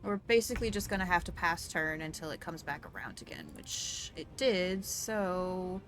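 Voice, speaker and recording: A woman's voice: on the low side, expressive, normal speed, fairly bright tone, faint music behind. A woman casually commenting while she plays a game, explaining the mechanics and breaking into playful outbursts. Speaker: gaming streamer. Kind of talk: casual let's-play commentary.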